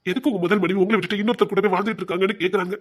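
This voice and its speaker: Tender elder brother, played by a man, Tirunelveli accent, higher-pitched, consoling delivery. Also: steady tone, very fast. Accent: Tirunelveli Tamil. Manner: soothing, emotional, repeats endearments. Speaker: elder brother in a family drama. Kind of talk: web serial acting.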